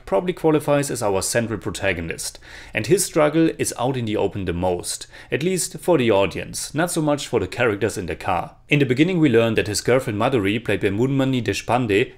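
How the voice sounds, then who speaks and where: Young man reviewing films. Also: medium pitch. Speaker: film reviewer. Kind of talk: scripted video review. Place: small indoor room with shelves of film posters. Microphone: camera framed chest-up, mic not seen.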